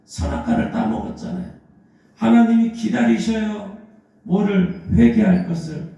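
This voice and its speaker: A man's voice: high-pitched, a little slow, gravelly, warm tone, highs cut off. A male pastor preaching a Sunday sermon in a church, telling the story and acting out the lines of the figures in it. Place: church sanctuary. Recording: echoey church hall.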